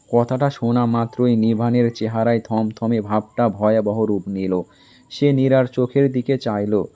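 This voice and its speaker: A man narrating a dramatic romance story in an even, measured storytelling manner. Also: medium pitch, lo-fi sound.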